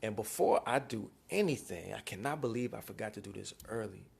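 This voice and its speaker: A man with a low, gravelly voice talks to viewers on a live stream. He keeps it relaxed and slangy and speaks. The sound comes from a simple webcam or phone mic. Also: brisk. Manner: laid-back, conversational, slangy. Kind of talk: casual live-stream chat.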